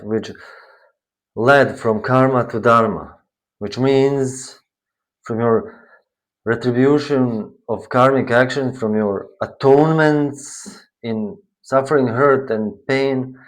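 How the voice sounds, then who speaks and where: A man giving a spiritual tarot reading, slow and meandering, often searching for his words. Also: mid-range voice, low-quality recording. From Bosnia. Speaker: tarot reader.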